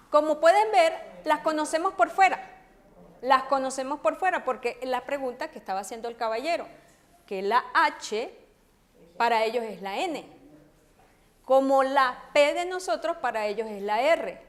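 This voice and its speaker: A woman's voice: sits high, animated, a little slow, long pauses. A woman teaching a language lesson to an audience at a book launch, spelling out letters and repeating each word. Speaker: teacher and author. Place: event room with an audience.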